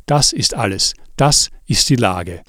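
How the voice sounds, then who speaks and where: A man's voice: medium pitch, expressive, measured pace, fairly bright tone, no room sound, clean studio sound. A man voicing a firm, patient policewoman. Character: calm, firm female village police officer. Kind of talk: audiobook reading.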